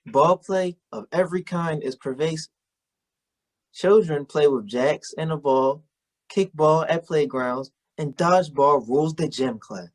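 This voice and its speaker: A man acts out a young college-student puppet on a children's show. His voice sits fairly high. He reads an educational report earnestly, presenting each point to the kids. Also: measured pace, darkish tone, close to an everyday voice, poor audio. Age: young adult. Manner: earnest, presentational read-aloud.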